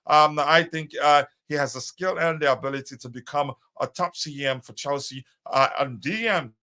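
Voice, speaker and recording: Greeting viewers by name and using plenty of fillers, this man keeps up a relaxed chat as host of a live fan show. He speaks with a bright, forceful voice on the high side.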